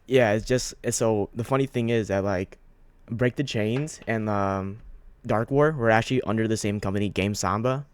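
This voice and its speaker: A man with a somewhat low voice hosts a casual interview, recorded dry and close with no room sound. He asks his questions in a rambling, hesitant way, restarting often. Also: normal speed, clean tone, dry recording. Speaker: host, interviewer.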